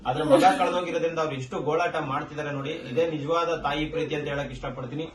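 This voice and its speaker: A man's voice: on the high side, steady tone, rapid-fire. A man from Karnataka hosting a social-work video, making an urgent, emotional appeal to viewers. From Karnataka, India. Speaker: social worker and video host. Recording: roomy, distant mic with faint ambience.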